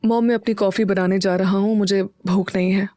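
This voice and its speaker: A woman voicing a brooding, heartsick young husband who talks in a low, subdued murmur. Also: steady tone, a little fast, dark tone, dry recording, studio quality, natural voice. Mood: weary.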